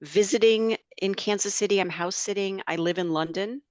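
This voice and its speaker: A woman introducing herself in an online class, unhurried and reflective, over a video call. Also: medium pitch, dry recording. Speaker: class participant. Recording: dull dry video call audio.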